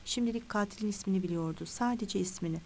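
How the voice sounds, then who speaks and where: A woman narrating a crime novel audiobook in an even, measured reading. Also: mid-range voice, gravelly, a little hiss or hum. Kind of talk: scripted narration.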